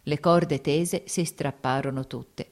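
A woman with a somewhat low voice narrates a classic novel. Her reading is steady and measured, scripted audiobook narration.

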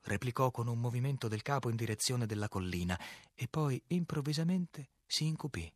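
A man narrating a novel as an audiobook, reading in a measured, clear way and acting out the quoted lines. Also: medium pitch, expressive, darkish tone, no room sound, studio quality.

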